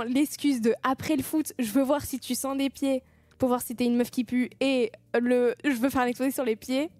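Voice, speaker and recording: High-voiced casual woman streamer. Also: a little mellow, no echo. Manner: chatty, swearing, thanking viewers. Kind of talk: casual live-stream chat.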